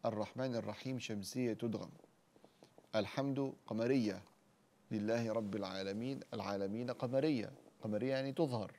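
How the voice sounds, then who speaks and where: A man teaching a tajweed lesson, slowly reciting each word to show how it is pronounced. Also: fairly low pitch, creaky, mellow. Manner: slow, deliberate demonstrations of each word.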